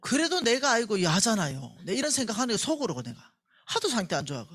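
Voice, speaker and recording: A woman's voice: fairly high pitch, quick pace, breathy edge. A woman with a Gyeongsang accent preaching at a church revival meeting, telling stories and acting out the voices of the people in them. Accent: Gyeongsang Korean. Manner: animated storyteller who acts out quoted voices. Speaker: church ministry staff speaker. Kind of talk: revival sermon with told stories.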